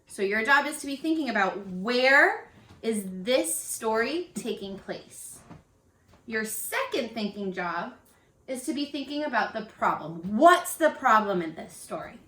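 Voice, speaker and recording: An elementary school teacher with a fairly high, bright voice leads a read-aloud lesson for children, speaking expressively and encouragingly at an unhurried pace as if to young pupils. It's a roomy, echoey home video shot in a living room, with slight hiss or hum.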